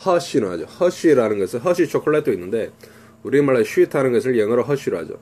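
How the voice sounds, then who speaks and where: A middle-aged man teaching English through a pop song, slowly reading lyric lines and explaining the grammar. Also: medium pitch, expressive, darkish tone.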